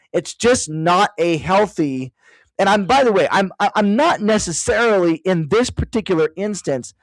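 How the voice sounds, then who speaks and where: A man's voice: high-pitched, no echo, low-quality recording. A man hosting a casual learning session at home, thinking aloud and drifting into "by the way" asides. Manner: digressive, with frequent "by the way" asides; thinks aloud while searching online. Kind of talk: casual explanatory talk to an online audience.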